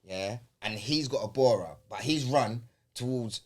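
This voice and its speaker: A man's voice: mid-range voice, a little slow. A man telling a story in casual, slangy chat. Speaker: podcast host.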